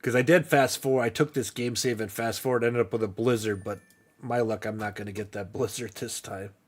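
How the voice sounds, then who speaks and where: A man's voice: medium pitch, steady tone, brisk. A man hosting a casual live game stream, muttering to himself as he plays and laughing easily with a friend. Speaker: livestream host. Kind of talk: casual gameplay chat.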